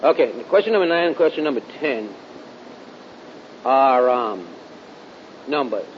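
High-voiced Southern preacher man telling folksy stories. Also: sing-song, fast. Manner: folksy, drawling, repeats phrases for emphasis. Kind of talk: storytelling sermon. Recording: dull lo-fi recording with clear rumbling hiss.

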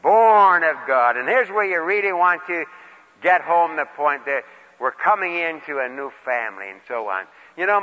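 A man with a pushed, bright voice on the high side leads a Bible lesson, preaching in a folksy, plain-spoken style. He speaks in short phrases, mixing questions to listeners with personal stories, and the large-hall recording sounds dull and reverberant.

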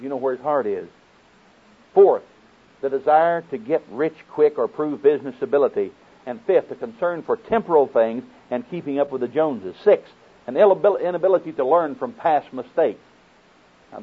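A man's voice: fairly high pitch, breathy edge. A man with an Oklahoma accent preaching a folksy sermon, quoting scripture and putting questions to his listeners. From Oklahoma, United States. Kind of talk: sermon teaching with scripture quotations. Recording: muffled, narrow phone-like sound.

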